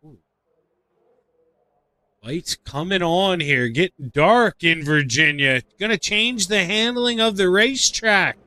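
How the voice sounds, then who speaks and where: A middle-aged man calling sim racing laps as play-by-play commentator, excitable and fighting the hiccups. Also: sits high, no echo. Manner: excitable, rises to shouts on quick laps. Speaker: race commentator.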